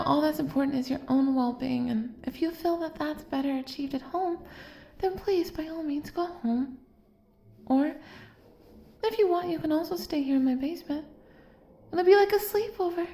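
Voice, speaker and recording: Her high, mellow voice echoes around the room as she plays a doting, obsessive young female kidnapper. Talking straight to the listener in this intimate roleplay, she is cutesy, gushing and coaxing.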